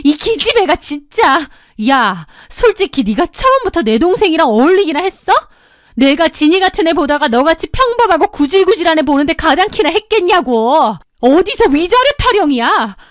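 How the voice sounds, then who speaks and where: A woman's voice: extremely high pitch, big pitch swings, moderate pace, no room sound, clean studio sound, voice pushed up. A woman voicing an arrogant, spiteful sister-in-law who shrieks and sneers. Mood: furious. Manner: screeching, contemptuous.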